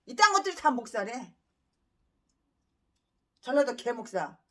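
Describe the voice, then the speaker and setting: Woman, pastor, sermon, high-pitched, angry ranting, shouting bursts, slow emphatic reading. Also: big pitch swings. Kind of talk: expository sermon.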